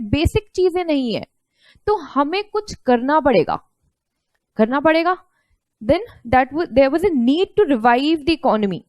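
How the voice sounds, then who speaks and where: Woman teacher, high voice, slow and patient, asks and answers her own questions. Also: dry recording. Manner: explains step by step, asks and answers her own questions, mixes Hindi and English. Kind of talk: online lecture.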